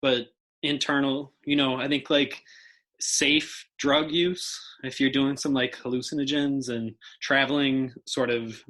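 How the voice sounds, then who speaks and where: A young man talks in a loose, rambling way, full of fillers and easy giggles. His voice is bright and forward. He sounds like a podcast guest in casual chat. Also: medium pitch, little pitch movement, unhurried, low-quality recording.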